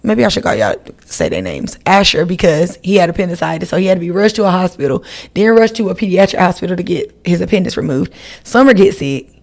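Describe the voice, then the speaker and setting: A woman with a lowish, slightly mellow voice hosts a casual solo podcast, rambling straight to her audience. She talks fast and her pitch swings widely.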